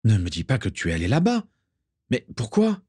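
A man's voice: medium pitch, big pitch swings, normal speed, darkish tone, dry recording, clean studio sound, voice pushed up. A man reading a storybook aloud, voicing a proud, tense young nobleman wizard.

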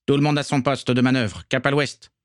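A man voicing a brisk vampire pirate first mate calling out orders in a read-aloud story. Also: mid-range voice, steady tone, no room sound, studio quality, voice pushed up, natural voice. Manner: calls out orders.

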